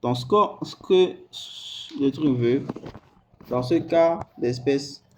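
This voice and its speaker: A man hosting a screen-recorded software tutorial, talking hesitantly and repeating words as he types. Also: mid-range voice, animated, slow pace, a little hiss or hum. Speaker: tutorial host.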